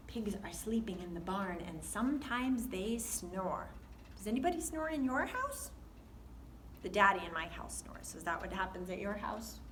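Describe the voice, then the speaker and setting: A woman's voice: mid-range voice, a bit bright, slight background noise. A woman hosting a children's story time, reading to toddlers in a singsong, encouraging way with simple, patient questions. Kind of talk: reading aloud to toddlers, with questions and animal sounds.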